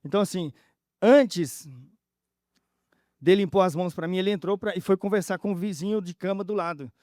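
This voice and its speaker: A man's voice: sits high, a little mellow, no echo, studio quality. A man giving an emotional personal testimony talk at a conference, telling his story through many reported dialogues. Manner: emotional, halting. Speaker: conference speaker.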